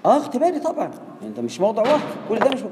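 A man with an Egyptian Arabic accent teaching a tajweed class, speaking quickly and conversationally, often putting questions to his students. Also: very high-pitched, wildly swooping pitch, heavy background noise. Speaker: Quran recitation teacher. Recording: echoey hall, faint room ambience.

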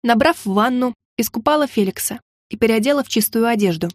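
A woman narrating a first-person fantasy audiobook in a steady storytelling delivery. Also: on the high side, fairly quick, dry recording, studio quality.

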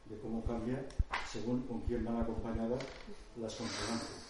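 A man's voice: lowish voice, level tone, moderate pace. A man giving a conversational talk at a conference, explaining with examples and thinking aloud as he goes. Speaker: lecturer. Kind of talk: conference talk with audience questions. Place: lecture hall. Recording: echoey hall, distant mic, faint noise.

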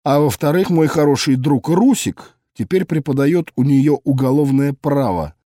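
A man narrating a first-person audiobook in a brisk, wry way, barking orders loudly in the scenes. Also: fairly high pitch, dry recording, studio quality.

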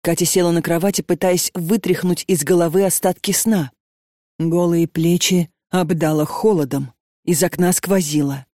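Calm woman reading an audiobook. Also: on the low side, normal speed, no echo, studio quality. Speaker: audiobook narrator. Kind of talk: scripted narration.

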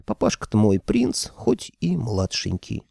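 A man's voice: fairly low pitch, big pitch swings, a little slow, gravelly, dark tone, husky, no echo, exaggerated voice. A man voicing a young female kikimora who is eager, boastful and cheeky. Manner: bowing, chattering, cheeky.

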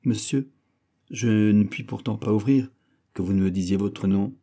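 A man's voice: on the low side, moderate pace, warm tone, lightly acted. A man voicing an old male servant in an audiobook, with a weak, cracked voice, polite and patiently questioning. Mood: cautious.

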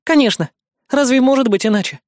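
A gentle, reassuring young woman who teases softly, played by a man reading an audiobook. The recording is close and dry. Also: high voice, brisk, dry recording, lightly acted. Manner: gentle, teasing.

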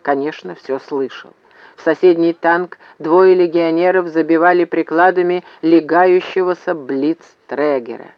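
Man narrating an audiobook, steady storytelling, slightly raised pitch, dry, muffled. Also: unhurried, no echo. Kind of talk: scripted narration.

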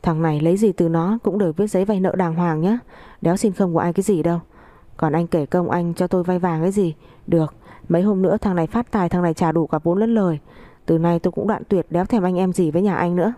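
A woman's voice: on the low side, fairly even intonation, fast, dark tone, dry recording, close to an everyday voice. A woman voicing a rude, hot-tempered younger man who snaps back insolently at his family. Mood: defiant angry.

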